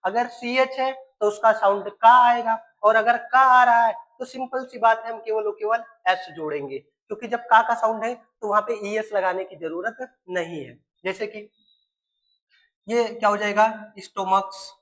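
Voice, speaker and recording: A male teacher speaks in a recorded classroom lesson. He addresses his pupils constantly, asking question after question. He slows down to spell words out one letter at a time. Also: high voice, fairly bright tone, low-quality recording. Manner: keeps quizzing students, spells words letter by letter.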